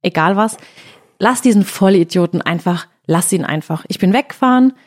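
A woman's voice: medium pitch, expressive, normal speed. A woman telling a story in casual chat, quoting her own words as she goes.

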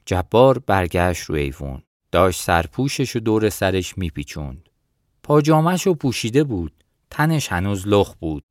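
Male audiobook narrator, low pitch, dry close sound, steady first-person read. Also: no echo.

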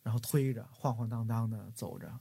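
A male host, telling a story in relaxed, colloquial chat. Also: lowish voice, brisk, creaky, breathy edge, no echo. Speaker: podcast host. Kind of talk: casual chat.

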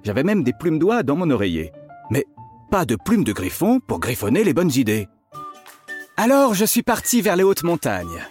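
A man narrating a children's fairy tale in a playful, expressive voice, speaking as an inventor teacher to his class. His pitch rises and falls with lively swings. Soft music plays faintly beneath the telling. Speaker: storyteller playing an inventor teacher.

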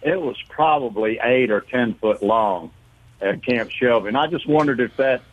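A man's voice: medium pitch, normal speed. A man calls in to a radio show over the phone, speaking in a folksy, hesitant way with many fillers. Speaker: radio call-in caller. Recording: narrow telephone line.

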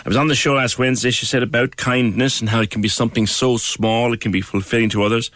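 A man's voice: medium pitch, steady tone, quick pace, a bit bright, no room sound. A man with a Cork accent hosting a radio talk show in a conversational interviewing style.

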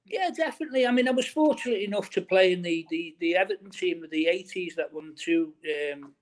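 A middle-aged ex-footballer talks a little fast in a high-pitched voice during a casual, reminiscing interview. He's chatty, restarting his sentences often and filling gaps with "you know."

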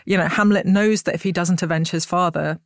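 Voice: medium pitch, steady tone, brisk, vocal fry, dry recording. Articulate expert speaker in a dry recording. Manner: articulate, discursive storytelling with asides. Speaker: expert guest on Greek myth. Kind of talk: conversational explanation, discussion.

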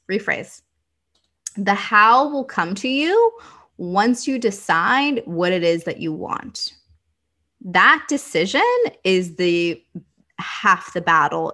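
A woman's voice: mid-range voice, pushed and bright. A young woman business coach giving an enthusiastic, repetitive motivational talk, full of "like" and "okay". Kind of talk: motivational teaching monologue.

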